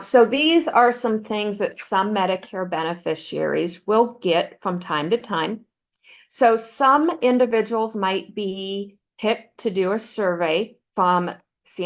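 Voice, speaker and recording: A woman presenting a benefits counseling webinar, walking listeners through slides in a steady, explanatory way. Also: mid-range voice, unhurried. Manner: explanatory, steady, uses "um" fillers.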